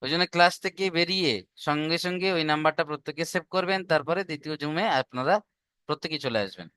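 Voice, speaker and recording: A man's voice: fairly high pitch, fast, sharp tone, clear, resonant tone, no room sound, clean studio sound. A man teaching an online class, patient and repetitive, often asking his students whether they have understood. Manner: patient, repeats points and asks checking questions. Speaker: Quran recitation teacher.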